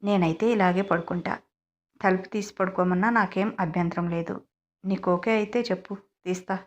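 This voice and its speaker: A woman's voice: lowish voice, fairly even intonation, moderate pace, muffled recording, natural voice. A woman voicing a brash, playful young groom who teases and insists. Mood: teasing. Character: bold teasing young man, newly married groom.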